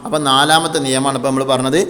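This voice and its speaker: A man's voice: mid-range voice, level tone, quick pace, pushed and bright, long reverb tail. A man teaching Quran recitation rules, patiently asking questions and answering them himself. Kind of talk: tajweed lesson.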